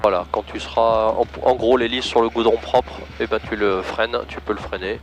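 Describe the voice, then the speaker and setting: A man coaching a student pilot in a small plane's cockpit over a headset intercom, calm, encouraging and casual. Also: fairly low pitch, normal speed. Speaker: flight instructor. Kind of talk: in-flight coaching.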